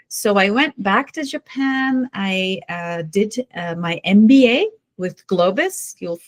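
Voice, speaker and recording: A woman's voice: medium pitch, a bit bright. A woman from Belgium, a guest consultant, talks in a friendly, explanatory way with a few fillers. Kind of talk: casual interview talk.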